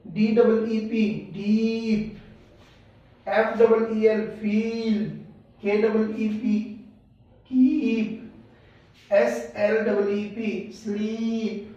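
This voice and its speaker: Very slow woman teacher spelling out words, far off in a big echoey room, dull sound. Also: fairly high pitch, little pitch movement, dark tone. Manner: spells words letter by letter, then says them slowly. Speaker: English teacher. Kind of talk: spelling-and-pronunciation lesson. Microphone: far from the mic.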